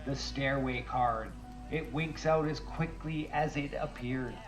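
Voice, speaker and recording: A man narrating a tabletop game recap as game master, in measured, even storytelling. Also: mid-range voice, music in the background, rough recording.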